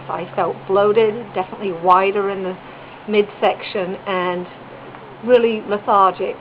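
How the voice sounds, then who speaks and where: A woman giving an upbeat, enthusiastic testimonial. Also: medium pitch. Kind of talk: unscripted testimonial. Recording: dull, noisy recording.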